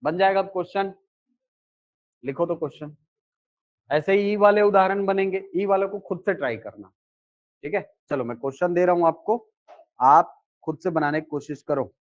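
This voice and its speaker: A high-pitched male teacher explains a live lesson slowly and step by step, asking questions and then supplying the answers himself. The recording has its highs cut off.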